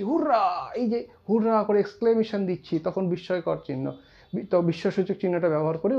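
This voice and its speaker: Mellow-voiced teacher explaining grammar. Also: male voice, high-pitched, highs cut off. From India. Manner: explains slowly, repeats terms, quotes example sentences. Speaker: English teacher. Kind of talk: classroom grammar lesson.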